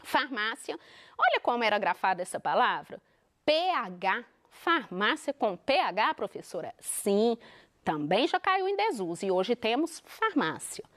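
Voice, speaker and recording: A woman teacher from Minas Gerais with a Minas Gerais accent, explaining a televised lesson in an animated way and asking the class rhetorical questions. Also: on the high side, unhurried. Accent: Minas Gerais Brazilian Portuguese. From Minas Gerais, Brazil.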